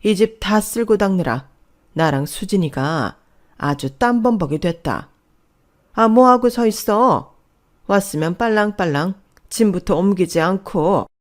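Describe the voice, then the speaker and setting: A woman voicing a cold, bossy older mother-in-law who scolds in a shrill voice. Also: expressive, a little slow, natural voice. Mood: cold scolding.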